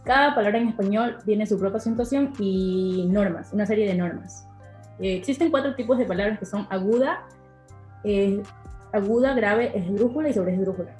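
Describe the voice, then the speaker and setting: A woman's voice: mid-range voice, moderate pace, a little mellow. A young woman giving a class presentation, hesitant, with many fillers. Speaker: student presenter. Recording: echoey room with faint music.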